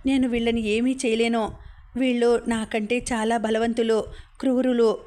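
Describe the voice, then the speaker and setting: A woman's voice: on the high side, darkish tone. A woman narrating a novel in the first person, reading steadily for an audiobook. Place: home recording.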